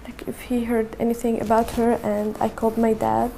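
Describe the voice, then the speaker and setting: This early-20s Syrian activist, a native Arabic speaker, recounts her experiences to camera in a soft, gravelly, fairly high voice. Her delivery is monotone and halting with many fillers and restarts, and a little hiss or hum is audible.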